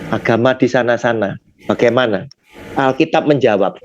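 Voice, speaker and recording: A man's voice: medium pitch, moderate pace, a little hiss or hum. Man teaching Bible study, dull lo-fi sound. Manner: explanatory, asks rhetorical questions and answers them; often addresses the listener as sir. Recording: dull lo-fi recording.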